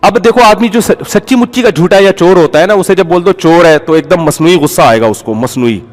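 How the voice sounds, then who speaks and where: The speaker is an Islamic preacher whose voice runs a little high for a man. Animated and conversational, he performs the people in his stories as he preaches, while the long echo of a large hall rings around him.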